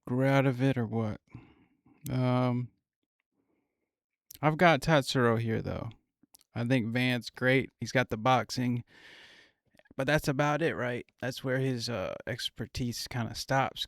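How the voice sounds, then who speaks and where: A man's voice: medium pitch, gravelly, no room sound, studio quality. A young man hosting a casual fight podcast, rambling through his picks with plenty of swearing. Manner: rambling, profane, thinks aloud. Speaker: podcast host.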